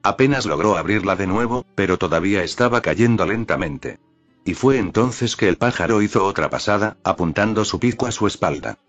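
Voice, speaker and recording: A man narrating a fan fiction story in a steady, even read. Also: fairly low pitch, brisk. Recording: dull lo-fi audio with faint music.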